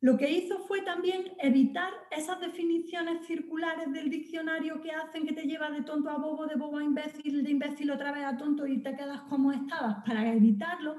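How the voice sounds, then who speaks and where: A woman with a fairly high, mellow voice gives an animated lecture in a hall. She addresses the audience directly and corrects herself as she goes. The recording is dull and echoey. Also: fairly quick, few pauses. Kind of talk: public lecture.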